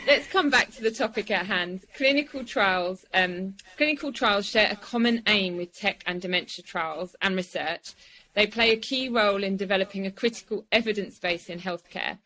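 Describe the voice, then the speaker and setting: A woman's voice: mid-range voice, moderate pace, pushed and bright, slight background noise, poor audio. A woman hosting a podcast, welcoming and interviewing guests. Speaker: podcast host.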